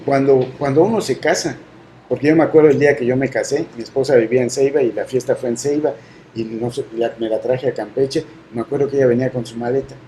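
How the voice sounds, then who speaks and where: A middle-aged man from Mexico, telling a personal faith story in an earnest, halting way. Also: mid-range voice, steady tone, mellow, slight background noise, low-quality recording. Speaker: guest sharing testimony.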